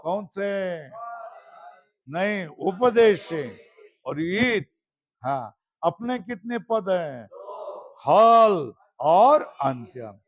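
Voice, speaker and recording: Guy teaching grammar class, high voice, slow, keeps quizzing ppl, kinda dull lo-fi sound. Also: big pitch swings. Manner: quizzing students, repeating "है ना?", chanting terms. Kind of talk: classroom lesson with question and answer drills. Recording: slightly dull lo-fi recording.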